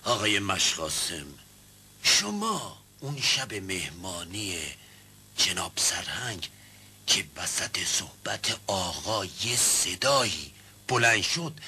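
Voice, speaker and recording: An actor playing a stern, pompous nobleman who presides as judge, pedantic and quick to demand silence. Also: mid-range voice, huge pitch swings, sharp tone, slightly rough, exaggerated voice. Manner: pedantic, orders silence, corrects words.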